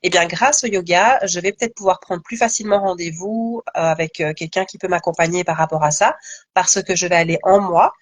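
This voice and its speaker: A woman's voice: fairly low pitch, fairly even intonation, a little fast, dry recording. A woman, a guest yoga teacher, talking casually and thoughtfully in a live conversation, with many fillers and restarts.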